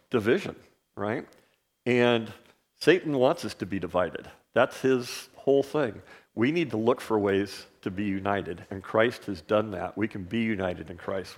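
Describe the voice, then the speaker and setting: A man with a lowish voice, who is not a native English speaker, teaches a Bible lesson in a laid-back way. He uses lots of fillers and keeps checking in with "right?"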